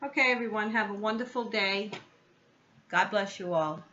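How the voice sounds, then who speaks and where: A woman's voice: medium pitch, moderate pace, bright, forceful tone. A woman vlogger chatting casually through an unboxing, thinking aloud with little ums as she goes. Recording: slightly muffled with faint noise.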